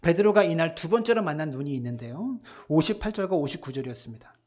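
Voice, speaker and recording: A male pastor preaching a Sunday sermon in a church, swinging between hushed soft lines and loud emphatic ones. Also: a little high, expressive, fast talker. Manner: acts out voices in retelling scenes.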